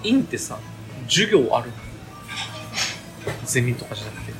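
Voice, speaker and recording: A man's voice: mid-range voice, big pitch swings, normal speed, music in the background. A young adult man with a Kansai Japanese accent chatting casually and questioning his friend. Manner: questioning, inquisitive. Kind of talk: casual chat between friends.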